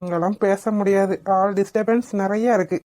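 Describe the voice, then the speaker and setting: A woman's voice: medium pitch, fairly even intonation, a little fast, mellow, no echo, natural voice. A woman voicing a playful, teasing young husband in a cartoon. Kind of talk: animated cartoon voice acting.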